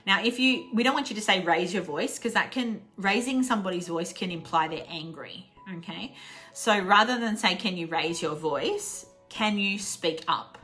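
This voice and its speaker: An Australian woman giving a casual online English lesson, chatty and laughing often, slowing down to repeat example phrases. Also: mid-range voice, pushed and bright, soft background music. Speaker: English teacher.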